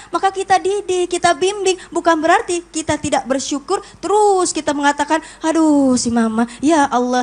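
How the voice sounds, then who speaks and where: A woman preacher giving a lively sermon on a talk show, acting out quoted husbands and wives as she goes. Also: very high-pitched.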